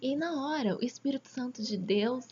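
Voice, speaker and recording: A woman with a Brazilian accent gives a casual, earnest religious testimony at home, often dropping into a hushed near-whisper. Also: sits high, animated, moderate pace. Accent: Brazilian Portuguese. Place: at home, father talking in the background. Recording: dull lo-fi home recording with faint background noise.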